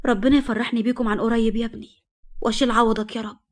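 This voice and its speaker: A woman's voice: a little high, fairly even intonation, racing, lightly acted. Woman playing a doting Egyptian mother in a story drama, raised and fervent.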